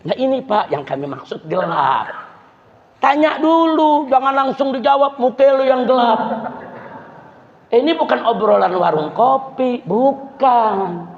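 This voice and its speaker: A male preacher giving a fiery sermon, calling out to the congregation and shouting for emphasis. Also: very high voice, expressive, measured pace. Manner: rhetorical, calls out to the crowd, shouts for emphasis. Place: large mosque hall. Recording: echoey hall, dull PA sound.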